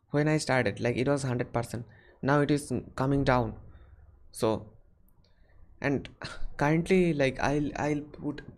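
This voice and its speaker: Answering questions from viewers on a relaxed livestream, this young Indian-accented host rambles, stacking up fillers and starting sentences over. He speaks at a medium pitch with a somewhat dark tone.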